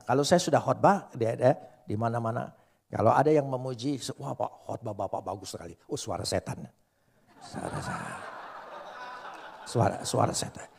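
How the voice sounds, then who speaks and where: Older guy preaching, gravelly husky voice, gets loud and teasing the crowd. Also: medium pitch. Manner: animated preaching with sudden loud rises and playful teasing of the congregation. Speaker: pastor. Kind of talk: sermon.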